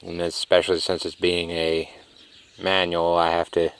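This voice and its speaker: A man's voice: sits low, completely flat delivery, normal speed, a bit bright, clean tone. A man, rambling casually and sleepily to his phone camera outdoors in the country. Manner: laid-back, rambling, drawling. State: sleepy, yawning. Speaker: car vlogger.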